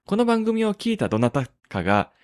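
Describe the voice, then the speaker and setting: A man hosting a tech podcast in casual talk, pausing often on drawn-out fillers between phrases. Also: high voice, wildly swooping pitch, dry recording, studio quality. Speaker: podcast host.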